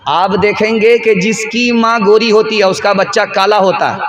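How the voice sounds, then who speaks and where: A man's voice: high voice, steady tone, normal speed, fairly bright tone. A man preaching an emphatic sermon at a religious gathering, often asking rhetorical questions. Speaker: Islamic preacher. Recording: crowd audible behind the speech. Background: crowd.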